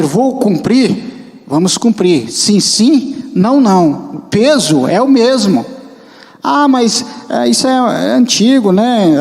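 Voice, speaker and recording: A man's voice: sits high, darkish tone. A man with a Brazilian accent preaching a sermon in church as a deacon, in a conversational way that puts questions to the congregation. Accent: Brazilian Portuguese. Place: church hall. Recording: long church-hall reverb.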